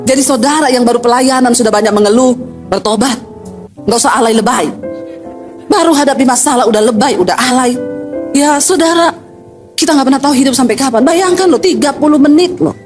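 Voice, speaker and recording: A middle-aged woman pastor, preaching a lively sermon with sudden swings between low earnest tones and high emphatic ones and chatty colloquial asides. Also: brisk, music in the background.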